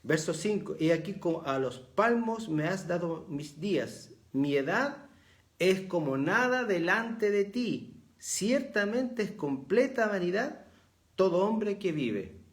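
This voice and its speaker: A man's voice: sits high, lively intonation, takes it slowly. A middle-aged man with a Chilean accent, preaching a reflective sermon and rising in emphasis as he reads verses aloud. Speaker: pastor.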